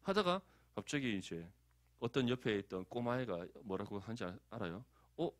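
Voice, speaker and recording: Animated male pastor preaching. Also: lowish voice, fairly quick, no echo. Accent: Gyeongsang. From Daegu, South Korea. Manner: conversational, animated, asks the congregation for agreement. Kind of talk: sermon.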